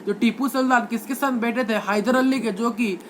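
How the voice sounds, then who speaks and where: A man's voice: extremely high pitch, fairly even intonation, moderate pace, slight background noise. A male teacher giving a history lecture, constantly asking questions and answering them himself, repeating key words for emphasis.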